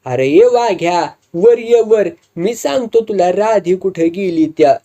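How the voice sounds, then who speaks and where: A man voicing a drunk, bullying rich village man who swaggers and threatens loudly. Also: sits high, unhurried. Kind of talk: storytelling with acted dialogue.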